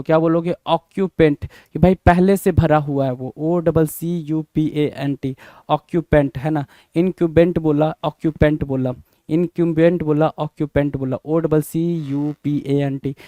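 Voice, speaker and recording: Casual male vocab tutor, drills and spells words, mellow smooth tone, dry close recording. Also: a little high, no echo. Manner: repeats words, spells them out letter by letter, asks and answers himself; informal, addresses students as brother. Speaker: English vocabulary teacher. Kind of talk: exam-prep lesson, call and response.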